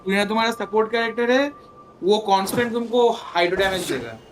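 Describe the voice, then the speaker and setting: A man's voice: high-pitched, lively intonation, a little fast, slight background noise. A man streaming a game live, talking a friend through a fight and repeating his instructions. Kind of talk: live gameplay commentary. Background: game music.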